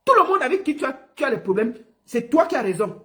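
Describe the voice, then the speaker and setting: A woman's voice: sits high, sing-song, fast talker, fairly bright tone. A woman ranting on a livestream, mocking and scolding someone with lots of repetition. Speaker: online personality. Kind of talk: livestream rant.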